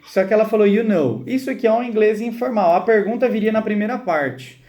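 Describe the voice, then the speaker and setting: A man's voice: high-pitched, brisk, warm tone. A man teaching English in a live online class, patiently explaining and acting out short example dialogues.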